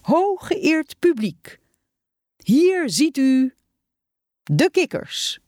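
A woman's voice: high voice, big pitch swings, drawn-out words, darkish tone, dry recording, studio quality, voice pushed up, exaggerated voice. A woman doing a showy, exuberant male announcer. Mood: announcing. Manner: theatrical announcer, sweeping and exaggerated. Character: cheerful showman man, zookeeper-teacher.

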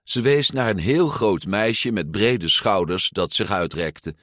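A man reading a children's story aloud in an expressive, unhurried way. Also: on the low side, no echo, studio quality. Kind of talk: storybook read-aloud narration.

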